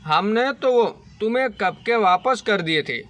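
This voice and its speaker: Scheming mother-in-law, defensive and sly, voiced by a man, high pitched. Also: lively intonation, measured pace, fairly bright tone. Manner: defensive, feigned innocence. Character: scheming middle-aged mother-in-law, lying.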